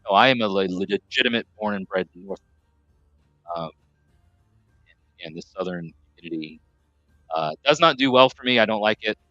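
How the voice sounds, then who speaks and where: A man chats loosely on a live stream, wandering through tangents and catching himself mid-sentence. His voice sits a bit low yet comes across bright and forceful. The sound is dry and slightly dull, like a modest home setup. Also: expressive, moderate pace, pauses often, no room sound, soft background music. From New York, USA. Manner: rambling, self-correcting. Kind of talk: casual chat reading viewer comments.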